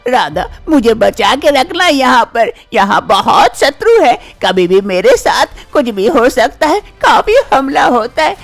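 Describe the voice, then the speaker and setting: A woman's voice: high-pitched, big pitch swings, unhurried, vocal fry, hardly any pauses, exaggerated voice. A woman voicing a timid young husband turned into an eggplant in a cartoon, pleading and whimpering. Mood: frightened.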